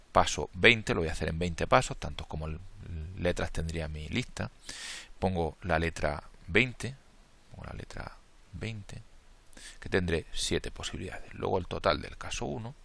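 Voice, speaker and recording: With a gravelly, slightly bright voice that sits low, a man gives a worked-problem lecture on combinatorics. He counts the steps aloud, reasons out loud, and fixes his own slips. He is a math lecturer and has a Spain Spanish accent.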